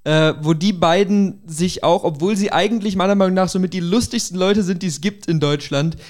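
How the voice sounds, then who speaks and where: A man's voice: sits high, a little fast. A man chatting casually as a podcast host, hedging carefully as he makes his points.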